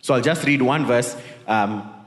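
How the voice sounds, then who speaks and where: A mid-range voice at a measured pace carries this Kenyan-accented preacher's relaxed sermon, full of personal anecdotes. He peppers his talk with tag questions and bits of Swahili, and the big indoor hall gives the recording a long, echoing reverb.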